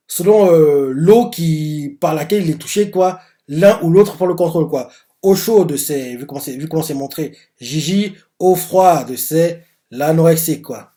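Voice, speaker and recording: A man hosting a casual live reaction to a manga chapter, rambling and animated with constant filler words. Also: a little high. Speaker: manga reaction channel host.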